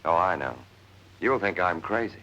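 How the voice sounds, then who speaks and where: A man's voice: low voice, lively intonation, moderate pace, sharp tone. A man acting an exasperated, wry character with sardonic screwball banter in a 1940s comedy film. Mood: wry, insistent. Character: exasperated, wry man convinced his brother returned as a dog. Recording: muffled vintage film soundtrack.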